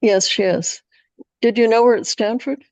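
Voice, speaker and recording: A woman's voice: fairly high pitch, steady tone, normal speed, darkish tone, no echo. A woman chairing a committee, speaking informally, recorded in dull, muffled meeting audio.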